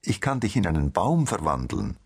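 A man's voice: sits low, big pitch swings, moderate pace, gravelly, husky, heavily acted. A man voicing a small, boastful magical nut that mutters spells in a storybook tale.

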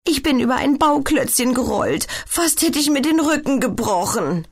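A woman's voice: high-pitched, animated, normal speed, voice pushed up. Shrieky giggly little girl in a kids' audiobook, woman reading her. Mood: giggly excited. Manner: squealing, shrieking. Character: giggly lively young girl.

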